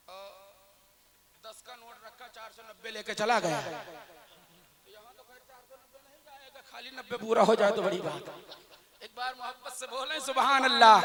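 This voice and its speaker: A man delivers a fiery sermon in a very high voice, piling up repeated phrases and pushing toward shouts. A crowd is clearly heard around him at the gathering. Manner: repetitive rhetorical lists, building to shouting. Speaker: Islamic preacher.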